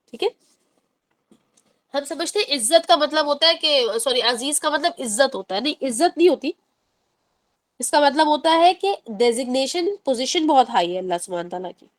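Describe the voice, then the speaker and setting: A woman's voice: high-pitched, no room sound. Woman teaching Quran recitation. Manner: explains in Urdu mixed with English, slow drawn-out Arabic recitation. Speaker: tajweed teacher. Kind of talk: online Quran recitation lesson.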